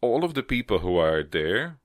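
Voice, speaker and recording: A man co-hosting a podcast in casual chat, talkative, laughing often and chiming in with quick agreement. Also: on the low side, big pitch swings. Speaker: podcast co-host.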